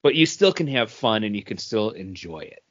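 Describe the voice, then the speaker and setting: In dull, lo-fi podcast audio, a man with a fairly low voice sounds very animated as he talks at a moderate pace. As co-host, he chats loosely through a comic book review, rambling and repeating phrases while he thinks.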